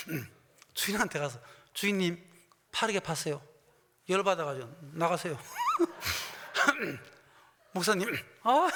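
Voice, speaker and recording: A male pastor preaching in a church sanctuary with a long, ringing reverb. His voice sits high and sounds bright and forceful. He tells the story by acting out both sides of each conversation, jumping from loud exclamations to near-whispers. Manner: swings between loud bursts and hushed asides. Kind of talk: sermon with anecdote and quoted dialogue.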